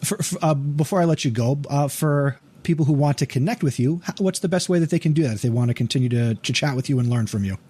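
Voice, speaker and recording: A man's voice: on the high side, fast, few pauses, mellow, husky. Upbeat male podcast host. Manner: upbeat, encouraging interviewer. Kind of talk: casual interview over a live stream.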